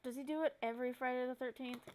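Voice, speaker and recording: A woman's voice: high voice, steady tone, quick pace, music in the background. A woman streamer chatting casually and teasing her friend, with playful dramatic outbursts. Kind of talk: casual chat.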